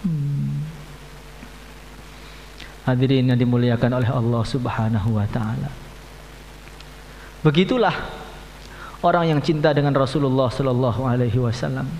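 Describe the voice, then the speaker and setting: A man preaching an evening sermon, telling stories with passion, dropping to hushed low lines and then rising to raised cries, often adding Arabic honorifics. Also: normal speed, creaky, pauses often. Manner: impassioned storytelling, swinging between hushed low lines and raised high cries; peppers speech with Arabic honorifics. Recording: echoey hall with faint hum.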